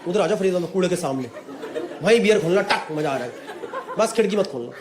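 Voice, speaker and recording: High-voiced male stand-up comic before a laughing crowd. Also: fast. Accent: Delhi NCR Hindi. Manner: animated storytelling, mixing Hindi and English, acting out voices. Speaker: stand-up comedian. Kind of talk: stand-up comedy set. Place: live comedy venue with audience. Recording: echoey room, crowd laughter, background noise. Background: audience laughter.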